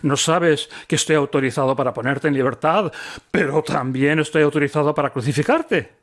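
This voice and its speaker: A man voicing a stern Roman governor in a Bible reading, questioning slowly and with emphasis. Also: fairly high pitch, natural voice.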